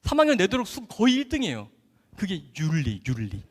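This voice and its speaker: A man tells his church testimony as an animated storyteller, acting out the dialogue and laughing along the way. His voice sits high and swoops widely. A long hall reverb trails each phrase. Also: brisk. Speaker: doctor giving a testimony. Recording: echoey hall.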